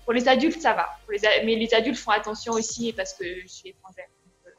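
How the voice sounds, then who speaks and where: A young French woman being interviewed about her au pair job, talking in a relaxed, hesitant way with many fillers. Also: fairly high pitch, fast talker, muffled recording, faint music behind. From France. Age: young adult. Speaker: guest, au pair. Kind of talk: casual interview.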